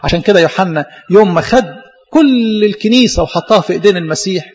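A man's voice: sits high, expressive, fast talker. A man, a priest with an Egyptian Arabic accent, preaching a fervent sermon and asking the congregation many rhetorical questions, in a church. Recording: long church-hall reverb, dull lo-fi sound.

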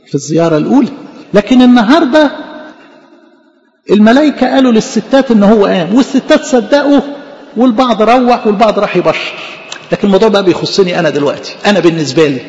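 A fast-talking Egyptian preacher with a high, gravelly voice. He keeps asking questions and answering them himself. The sound is dull and lo-fi, with a long echo from a big hall. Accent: Egyptian Arabic. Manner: animated, poses rhetorical questions and answers them. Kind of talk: sermon.

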